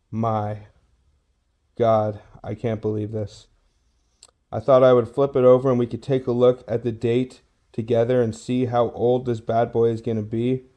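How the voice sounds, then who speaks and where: A man's voice: mid-range voice, mellow. A man giving casual hobby vlog commentary to his viewers, full of awed exclamations. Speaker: host of a coin roll hunting video.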